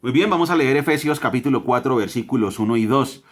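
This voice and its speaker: A man's voice: medium pitch, fast talker. Emphatic Colombian man teaching scripture. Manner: emphatic, asks rhetorical questions and stacks repeated phrases. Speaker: father teaching a family Bible lesson. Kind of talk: family devotional teaching.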